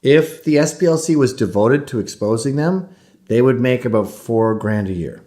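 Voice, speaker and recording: A man's voice: mid-range voice, lively intonation, moderate pace, dark tone. A man speaking bluntly and animatedly as an interview guest, often acting out other people in mock voices. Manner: blunt and provocative. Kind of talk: casual interview talk.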